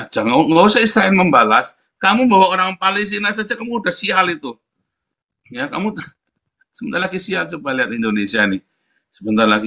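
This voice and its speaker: A man's voice: mid-range voice, sharp tone. A man giving combative, mocking commentary in a preachy style, often turning to his listeners with a tag question. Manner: mocking, combative, keeps saying "saudara".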